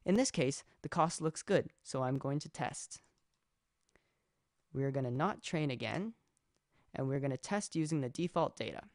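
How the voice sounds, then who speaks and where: A man's voice: medium pitch, normal speed, long pauses, dry recording. Young man narrating a coding tutorial, dry. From Canada. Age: young adult. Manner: steady, explanatory. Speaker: student presenter.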